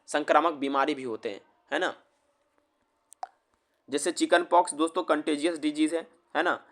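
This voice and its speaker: A man's voice: a little high, fairly bright tone. A man teaching vocabulary in a casual explaining style, asking the viewers questions and answering them himself. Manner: repeats questions to viewers, many fillers.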